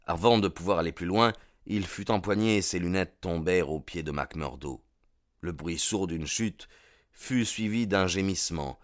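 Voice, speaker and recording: A man reading an audiobook in a measured, grave storytelling manner. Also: low-pitched, dry recording, clean studio sound. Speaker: audiobook narrator. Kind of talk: scripted narration.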